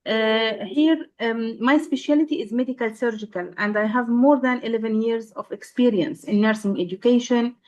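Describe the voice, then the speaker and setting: A woman from Syria with a fairly high voice talks on a video call, stopping and restarting her sentences with many fillers. The audio comes through dull and lo-fi. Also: normal speed, hardly any pauses, darkish tone. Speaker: nursing professor, guest. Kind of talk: casual panel chat.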